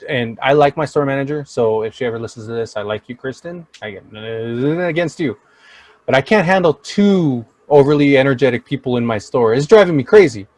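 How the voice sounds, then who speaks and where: A man's voice: mid-range voice, brisk, a little mellow, no echo. A young man co-hosting a podcast in casual chat, blunt and swearing freely as he laughs through stories. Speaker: podcast co-host.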